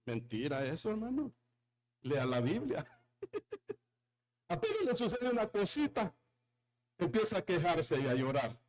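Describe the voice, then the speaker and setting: A man's voice: sits high, huge pitch swings, unhurried, pauses often. A man, preaching a sermon as a pastor, repeating key lines and calling on the congregation to respond. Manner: emphatic preaching with repetition and calls to the congregation.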